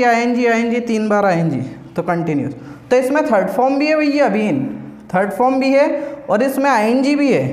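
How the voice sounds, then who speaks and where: A man teaching English grammar, drilling terms over and over in a classroom lesson. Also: very high voice. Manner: drilling, repetitive. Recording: echoey room.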